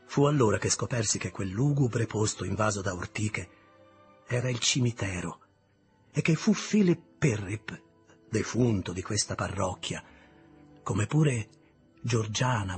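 A man narrating an audiobook in a measured, deliberate reading style, with a husky voice. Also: lowish voice. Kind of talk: scripted literary narration.

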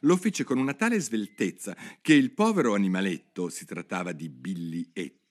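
Lively low-voiced male storyteller. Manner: expressive, measured storytelling. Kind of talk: scripted audiobook narration.

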